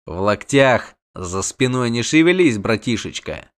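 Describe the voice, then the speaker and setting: A man reading the part of a male monster hunter who gives calm, flat commands. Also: mid-range voice, slow pace.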